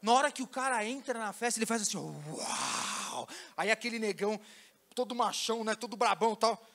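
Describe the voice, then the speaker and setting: A São pastor preaching in a very high, bright voice. He tells the story casually and full of slang, acting out each scene as he goes. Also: steady tone, fast. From Brazil. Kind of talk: sermon. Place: church.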